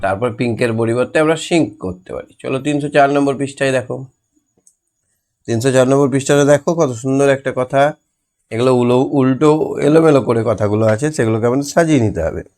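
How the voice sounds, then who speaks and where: Guy teaching little kids homework, slow and patient, spells out each letter, average pitch, close mic. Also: a little mellow. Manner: patient, quizzes children and spells words out letter by letter. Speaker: primary school teacher. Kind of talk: homework lesson for young children.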